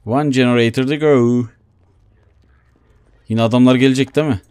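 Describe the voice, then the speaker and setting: A man giving Let's Play commentary, chatting to himself as he plays and bursting into excited shouts. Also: mid-range voice, normal speed, clear, resonant tone. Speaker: gaming YouTuber.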